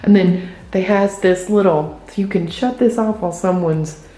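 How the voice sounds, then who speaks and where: A woman's voice: on the low side, normal speed, dark tone, a little hiss or hum. A woman travel vlogger chatting casually while driving and giving a hotel room tour on a handheld camera. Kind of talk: casual travel vlog chat.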